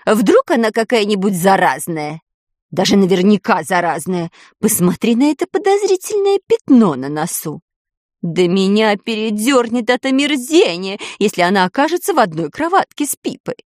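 A woman voicing a squeamish, fussy middle-aged wife with shrill exclamations and disdainful fussing, in a storybook reading. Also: sing-song, normal speed, no echo, clean studio sound, lightly acted.

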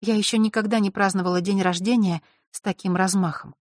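A man voicing a stubborn, quick-tempered teenage girl in an audiobook, talking in a raised, indignant voice. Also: sits high, steady tone, no room sound, studio quality, voice pushed up, close to an everyday voice. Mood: quiet. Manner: indignant, defensive.

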